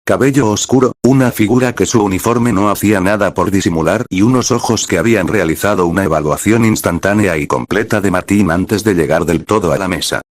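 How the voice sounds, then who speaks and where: A man narrating a story in an even, unhurried audiobook style. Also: deep voice, no echo.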